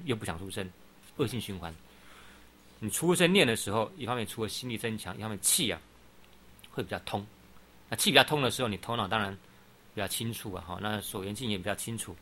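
Bright-voiced man giving a dharma talk. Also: fairly low pitch, a little hiss or hum. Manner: frequent "好" interjections, patient explaining. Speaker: Buddhist teacher. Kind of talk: dharma talk answering questions.

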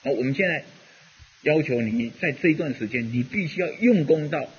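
A man's voice: fairly high pitch, expressive, moderate pace, lo-fi sound, slight background noise. A man giving a rambling, conversational Buddhist dharma talk, full of fillers as he teaches.

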